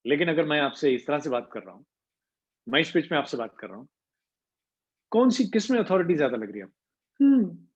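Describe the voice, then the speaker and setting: A man's voice: sing-song, breathy edge. Man coaching voice over lo-fi audio. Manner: mixes Hindi with English, demonstrates pitch with hums and slow pauses. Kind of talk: online voice training class.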